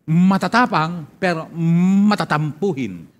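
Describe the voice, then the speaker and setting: Emphatic Filipino pastor, fairly high voice. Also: male voice, sing-song, unhurried. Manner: emphatic preaching, repeats key lines, loud scripture reading; frequent murmured "praise God" interjections. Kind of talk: sermon.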